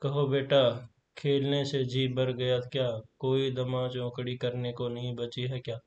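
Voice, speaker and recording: A man's voice: mid-range voice, monotone, measured pace, a little mellow, muffled recording, close to an everyday voice. A self-assured old healer teases a sick boy and pronounces his diagnosis with certainty, read out by a man. He speaks in a level voice. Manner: knowing, kindly teasing. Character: confident old male village healer.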